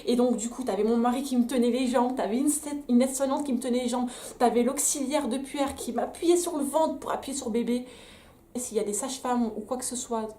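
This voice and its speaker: A young woman vlogger with a mellow, somewhat high voice tells a personal story candidly to the camera. Her story-time delivery is emphatic and full of restarts, recorded in an echoey room.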